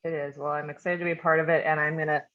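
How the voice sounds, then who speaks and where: A grateful woman talks on a video call, laughing easily and stumbling over her words now and then. Her voice sits a bit low, and the call audio sounds dull and muffled. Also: level tone, very fast. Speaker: group member. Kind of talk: casual video call chat.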